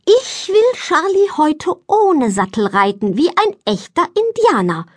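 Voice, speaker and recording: A woman's voice: normal speed, breathy edge, no echo, clean studio sound. A woman voicing an eager, impatient young girl who is crazy about ponies, in a children's storybook. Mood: eager chatter. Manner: excited, pleading, high-pitched.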